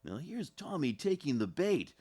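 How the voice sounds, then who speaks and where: A man narrating a light feature story for TV news in an animated storytelling way. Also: fairly high pitch, normal speed. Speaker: TV news reporter. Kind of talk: scripted narration.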